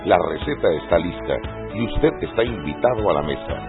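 A man's voice: low voice, lively intonation, brisk. A man announcing a radio show intro in a scripted promo read. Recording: narrow phone-like radio audio with music.

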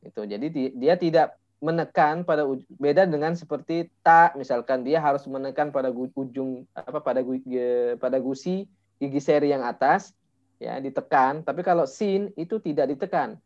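A male Quran recitation teacher coaching a student one-on-one, patiently demonstrating sounds slowly and filling pauses with "eh". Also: medium pitch, darkish tone. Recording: dull lo-fi voice message audio.

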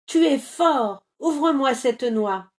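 A woman's voice: high voice, lively intonation, slow pace, pitched above the performer's own voice. A woman voicing a greedy, hot-tempered male squirrel who snaps and sulks, in a storybook reading. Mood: pleading. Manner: snappish, sulky.

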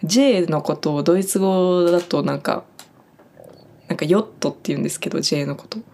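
Chatty woman with a low voice. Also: fairly quick, dark tone. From Japan. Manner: chatty, friendly explaining with many fillers. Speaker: farm worker teaching German words. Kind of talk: casual spoken lesson.

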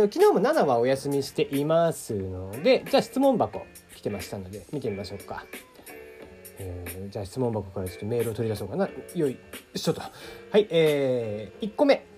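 Lively, rambling man hosting solo web radio. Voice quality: slight mixed regional lilt in standard speech. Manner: rambling, many fillers, animated pitch swings. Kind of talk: casual solo talk, reading listener questions.

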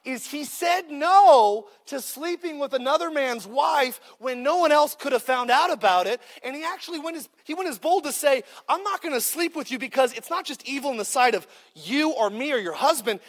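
A man's voice: very high-pitched, lively intonation, moderate pace, few pauses, a bit bright. A man in his thirties preaching a sermon, joking and punchy, calling out to the congregation. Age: 30s. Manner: joking, punchy preaching with call-outs to the crowd. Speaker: pastor.

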